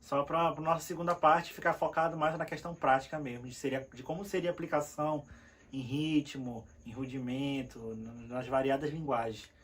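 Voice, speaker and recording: A man's voice: medium pitch, steady tone, normal speed, fairly bright tone. A man teaching a cajón lesson, explaining patiently step by step with restarts and fillers. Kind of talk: instructional lesson while playing. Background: cajón drumming.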